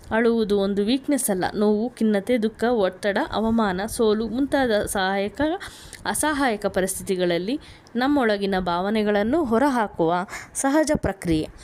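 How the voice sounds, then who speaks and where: A woman psychologist explains an emotional topic in a calm, measured talk. Her voice sits at an ordinary middle pitch, and she reads carefully, stopping now and then to restart a word. The delivery is steady and informative.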